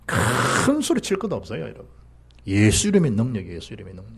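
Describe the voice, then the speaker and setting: Animated husky Gyeongsang-accented pastor. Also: male voice, fast. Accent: Gyeongsang Korean. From South Gyeongsang, South Korea. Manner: animated preaching, rising to emphatic peaks and dropping low. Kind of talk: sermon.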